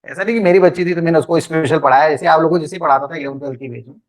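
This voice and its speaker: A middle-aged male math teacher, running an online lesson. His voice sits high for a man, and he keeps up a chatty, teasing banter with his students between the formulas. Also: very fast. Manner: joking, chatty, teases students by name. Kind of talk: online class lecture.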